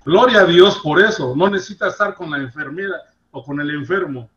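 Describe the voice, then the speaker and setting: Casting note: man, earnest devotional preacher, a bit high-pitched, lo-fi recording. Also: brisk. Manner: earnest, rises and drops in loudness for emphasis. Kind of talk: devotional sermon.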